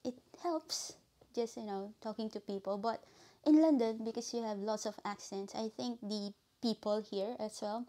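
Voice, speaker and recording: A woman's voice: on the high side, normal speed, dark tone. Woman, Filipino accent, podcast host, chatty and reflective, casual chat. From Philippines.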